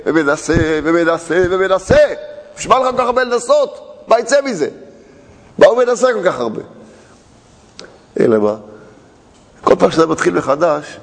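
Animated preaching man, echoing hall. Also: vocal fry. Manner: animated, swings between low murmurs and high exclamations. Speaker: rabbi.

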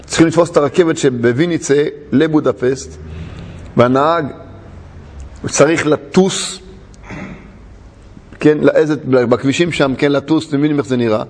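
A man giving a storytelling sermon, animated and laughing often as he tells a story. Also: fairly high pitch, pauses often. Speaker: religious teacher. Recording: long hall reverb.

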